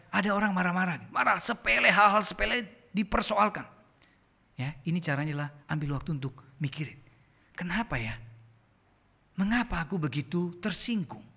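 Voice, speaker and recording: Male preacher, bright and forceful tone, fairly high voice, chatty sermon delivery with loud peaks and hushed prayers. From Indonesia. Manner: conversational, asks the congregation questions; swings between loud emphatic peaks and low quiet prayer. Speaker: pastor. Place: church.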